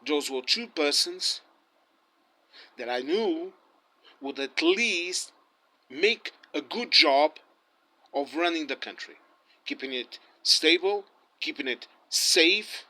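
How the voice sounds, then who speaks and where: Portuguese and German are the first languages of this male interviewee, who rants in English with lots of restarts while offering an impassioned opinion on the street. His voice runs a little high and has a sharp tone.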